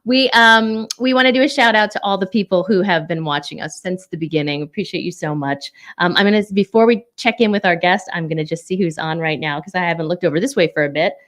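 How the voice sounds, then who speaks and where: A woman hosting her own casual livestream from home, chatty and bubbly, with excited whoops between announcements. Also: on the low side, quick pace, hardly any pauses. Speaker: livestream show host and singer-songwriter.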